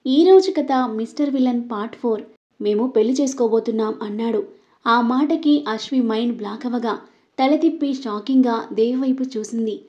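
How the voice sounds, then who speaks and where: A woman tells a serialized drama in a smooth, steady storytelling voice. Her pitch sits high and her tone is mellow. The recording has a muffled, lo-fi quality. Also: normal speed. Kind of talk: scripted story narration. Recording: dull lo-fi recording.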